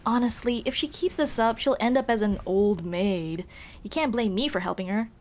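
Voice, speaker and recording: In a scripted, one-sided ASMR roleplay, a woman plays a young tomboy childhood friend who is casual, teasing and caring, calling the listener "dude." Her natural, slightly high, darkish voice moves at a moderate pace, sounding hesitant and candid.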